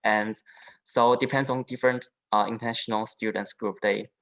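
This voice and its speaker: A young man from southern China, a native Chinese speaker, giving a halting panel talk as an international student, with frequent restarts and fillers. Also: fairly low pitch, steady tone, fairly bright tone, rough recording. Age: young adult. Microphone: video call.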